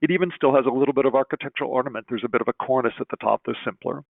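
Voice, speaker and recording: A man giving a remote lecture over slides at a conference, measured and thinking aloud with frequent pauses. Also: mid-range voice, gravelly, dry recording. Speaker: presenter at a conference on historic building standards. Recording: dry, phone-like remote audio.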